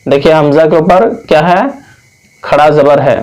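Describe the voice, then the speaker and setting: A man from India teaching Quran reading, spelling out each word slowly and patiently, drawing out long vowels. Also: a little high, fairly even intonation, darkish tone, low-quality recording. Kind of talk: slow spelled-out recitation lesson.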